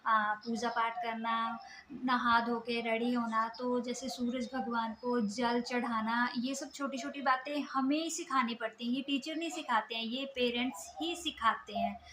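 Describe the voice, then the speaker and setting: A woman in her thirties with a Himachali Hindi accent talks straight to her phone camera at home, earnest and opinionated, with lots of fillers. Her voice sits a little high and sounds bright and sharp. The room gives it a roomy echo with faint hiss behind. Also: steady tone, unhurried. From Himachal Pradesh, India. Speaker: vlogger. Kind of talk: casual talk to camera. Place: home room, indoors, children asleep nearby. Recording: roomy echoey home recording.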